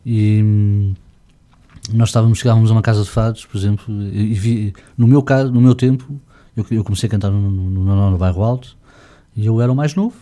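A man's voice: fairly low pitch, fairly even intonation, a little fast, mellow. A middle-aged man with a slightly grainy voice, chatting reflectively as an interview guest with many restarts. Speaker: fado singer, guest. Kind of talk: casual interview chat.

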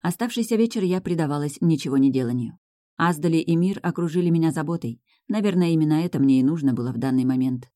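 An audiobook narrator reading a first-person fantasy romance in a calm, measured way on a close studio microphone. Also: medium pitch, no room sound.

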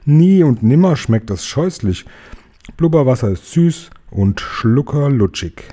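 A man's voice: medium pitch, lively intonation, normal speed, dark tone, slightly rough. A man voicing a big friendly male giant who boasts and mangles his words, drawn out and exclaiming in a raised voice. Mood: enthusing.

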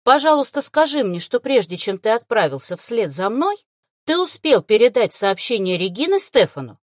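Woman playing a jumpy, hot-tempered young witch woman, storybook, very lively, dry sound. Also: a little high, moderate pace, no room sound. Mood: furious. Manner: anxious, explosive. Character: anxious, fiery adult woman, a half-trained necromancer.

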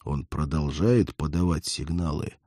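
A man's voice: extremely low pitch, measured pace, mellow, no room sound, studio quality, pitched below the performer's own voice. A man voicing a terse male cyborg soldier in an audiobook, speaking in clipped, formal military phrasing. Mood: clipped report.

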